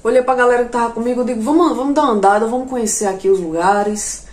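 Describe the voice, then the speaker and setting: A woman doing a comic storytelling monologue, animated and jumping to shrill outbursts when she quotes herself. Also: racing. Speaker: comedian. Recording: echoey room.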